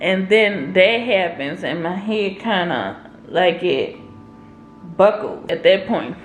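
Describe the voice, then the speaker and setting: A young woman vlogger telling a story in a casual, animated, expressive way. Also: fairly low pitch, slow pace, slight background noise. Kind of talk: storytime vlog. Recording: roomy echo.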